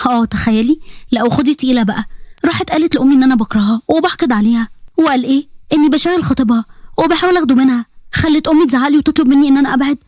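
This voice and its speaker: A woman's voice: sits high, darkish tone, no room sound, studio quality, close to an everyday voice. Woman voicing a hurt young Egyptian woman. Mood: confiding. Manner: earnest, emotional, quick. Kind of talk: storybook narration.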